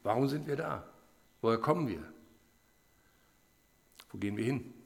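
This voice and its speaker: A male preacher delivering a casual, conversational sermon, telling stories and pausing with frequent fillers. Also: medium pitch, gravelly.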